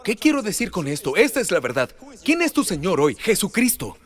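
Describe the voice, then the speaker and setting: Middle-aged male pastor preaching, high voice that swoops all over, gets loud to make a point. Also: brisk. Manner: animated preaching, rising loud for emphasis. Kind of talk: sermon.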